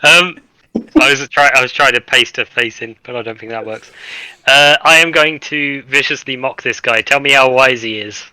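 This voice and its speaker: Very bright-voiced man playing tabletop games. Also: mid-range voice, moderate pace, smooth, rough recording. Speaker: tabletop game player. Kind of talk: casual game chat.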